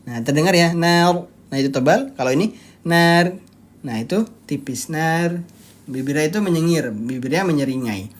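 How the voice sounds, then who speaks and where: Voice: medium pitch, lively intonation. Patient teacher in a live online lesson. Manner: explains rules step by step and quizzes the students; draws out recited words slowly to demonstrate. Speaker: Quran recitation teacher.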